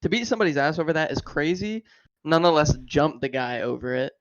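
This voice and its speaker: A man in his twenties from Florida, co-hosting a casual podcast and telling stories in an animated, slangy way. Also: fairly high pitch, fast talker, lo-fi sound, a crowd in the background. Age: 20s. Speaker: podcast co-host.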